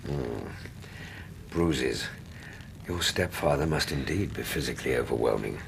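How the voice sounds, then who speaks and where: A man acting a detective's doctor companion who narrates a radio drama in a husky, measured, literary way. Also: extremely low pitch, animated, background noise, full character voice. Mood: concerned.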